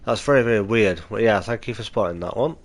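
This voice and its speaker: This livestream host talks fast over slight background noise while running a casual gaming stream. Stuffed up and nasal from a cold, he chats with viewers in an easygoing, low-key way.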